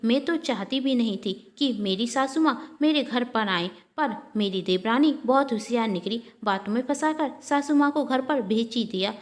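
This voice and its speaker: A woman's voice: fairly high pitch, lively intonation, moderate pace, hardly any pauses, natural voice. A woman voicing a selfish young daughter-in-law who complains and gossips. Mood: complaining.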